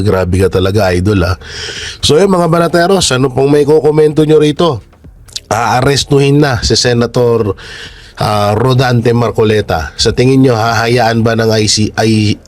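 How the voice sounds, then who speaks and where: Rhetorical questions pepper the halting, informal political talk this man offers his followers. His nose is blocked, leaving his voice congested and stuffy, and it sits on the low side with a slightly mellow quality.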